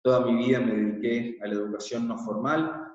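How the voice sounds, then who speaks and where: A man from Israel, a workshop facilitator, presenting calmly online and explaining with frequent hesitant fillers. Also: mid-range voice, a little fast. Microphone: laptop mic on a video call. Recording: echoey, distant, dull video call audio.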